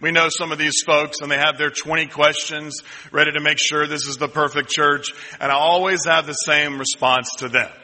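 Bright-voiced pastor preaching in a hall. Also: male voice, fairly high pitch, level tone, moderate pace, hardly any pauses. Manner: humorous, conversational preaching with audience prompts. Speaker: senior pastor. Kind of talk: sermon. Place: church sanctuary. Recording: long reverb of a church hall.

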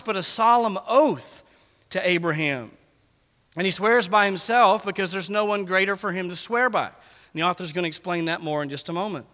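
A man's voice: sits high, pushed and bright, in a large hall. A man preaching a sermon in an emphatic way, repeating words for stress. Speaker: pastor.

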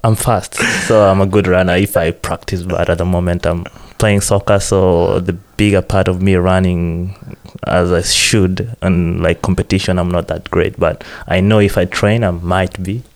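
A man's voice: deep voice, level tone, moderate pace. A man in his twenties with a Kenyan accent, chatting casually as a podcast guest and telling stories informally. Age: 20s. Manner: informal storytelling with repeated "like". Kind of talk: casual chat.

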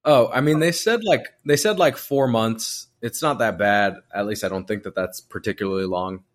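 A podcast host chatting loosely with a friend. He is a man with a fairly low voice and a slight lisp. He rambles and restarts his sentences often. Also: normal speed. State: slight lisp from new aligners. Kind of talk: casual podcast chat.

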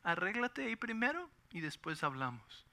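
A man's voice: high voice, very animated, moderate pace, creaky, pushed and bright. A middle-aged man preaching a conversational sermon, often checking that the listeners agree. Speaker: pastor.

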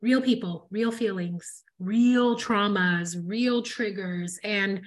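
A woman's voice: medium pitch, takes it slowly. A woman hosting a casual podcast chat, talking emphatically and addressing listeners directly. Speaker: podcast host, hair educator.

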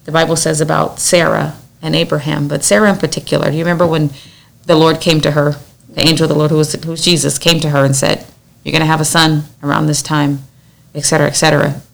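A woman's voice: deep voice, flat delivery, fast, creaky. A woman leading a Bible study in an earnest, exhorting way, acting out the lines she quotes. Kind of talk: conversational Bible teaching.

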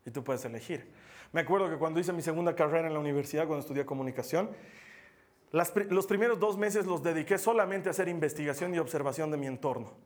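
A man's voice: a little high, quick pace. A man preaching a sermon to a congregation. He is emphatic, repeats key phrases and asks rhetorical questions.

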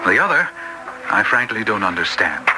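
Doctor Watson, lively, earnest. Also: male voice, fairly low pitch, moderate pace, music in the background, poor audio. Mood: puzzled, confiding. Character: loyal, worried English doctor, detective's companion. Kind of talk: radio drama acting.

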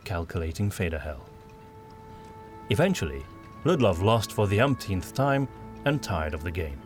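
A man reading a fantasy audiobook in a measured storytelling manner. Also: deep voice. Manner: measured storytelling, doing all the voices. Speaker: narrator. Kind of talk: scripted audiobook narration.

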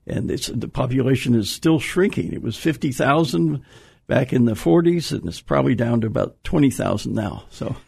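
Older guy, super gravelly husky voice, rambling and chuckling, dry close sound. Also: medium pitch, expressive, moderate pace, a little mellow, dry recording. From Pennsylvania, USA. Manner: rambling, self-interrupting, chuckles often. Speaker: guest. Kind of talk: conversational radio interview.

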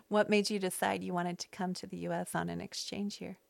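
Recording in a small home loft, this middle-aged American podcast host chats casually, her stories wandering and self-deprecating. She speaks at a normal speed in a lowish, gravelly voice with fairly even intonation.

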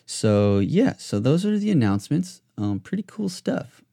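A man's voice: medium pitch, sing-song, unhurried, vocal fry, dark tone. A man hosting a podcast, talking in a loose, rambling way full of fillers and restarts. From United States. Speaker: podcast host. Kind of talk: casual podcast chat.

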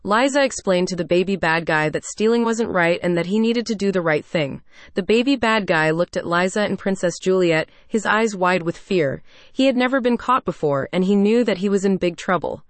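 A woman's voice: lowish voice, moderate pace, no room sound. Woman reading a children's story. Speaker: narrator. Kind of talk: scripted children's story narration.

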